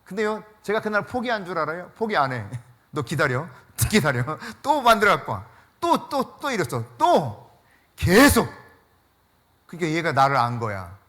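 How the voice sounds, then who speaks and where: A man preaching a sermon as pastor, telling stories in an animated way with frequent laughter and dropping to a hushed voice for emphasis. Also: moderate pace. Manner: drops to a hushed low voice for emphasis.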